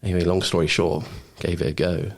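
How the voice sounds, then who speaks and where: A former Royal Marine, appearing as a podcast guest, tells personal stories in a casual, anecdotal way. He's informal and blokey, peppering his talk with "mate," "man" and "bro." His voice sits low, with a steady tone and a fairly quick pace.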